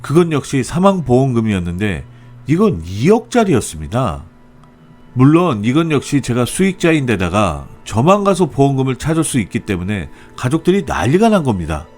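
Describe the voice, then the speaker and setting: A man narrating a first-person story in an expressive, lively storytelling manner. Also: medium pitch, moderate pace, soft background music.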